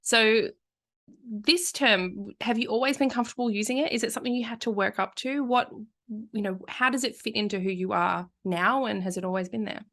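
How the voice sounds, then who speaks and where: A woman's voice: on the high side, brisk, fairly bright tone. A woman with a broad Australian accent hosts a casual conversational interview in an effusive, encouraging way. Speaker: podcast host.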